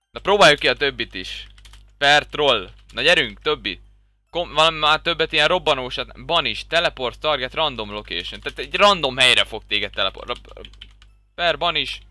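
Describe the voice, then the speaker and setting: Excitable young man with bright voice. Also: medium pitch, no echo, soft background music. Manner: excitable, bursts into loud swearing exclamations. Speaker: Minecraft server streamer. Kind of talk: casual gameplay commentary.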